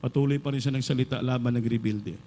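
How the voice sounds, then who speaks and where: A man from the Philippines preaching a sermon, telling a story and then building to loud, fervent exhortation, slipping English phrases into his Filipino. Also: medium pitch, fairly even intonation, fast, slight background noise, poor audio.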